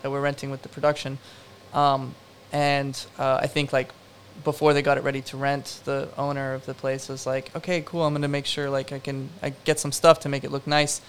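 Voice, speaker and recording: A man's voice: medium pitch, monotone, fairly quick, hardly any pauses, slight background noise. A young man, a production designer, answering interview questions in a rambling, casual way full of fillers and self-deprecating asides.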